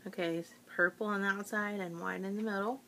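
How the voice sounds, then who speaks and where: A woman's voice: medium pitch, fairly even intonation, a little fast, bright, forceful tone, a little hiss or hum. A middle-aged woman vlogger chatting casually to her viewers, rambling with lots of fillers and asides. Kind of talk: casual chat to camera.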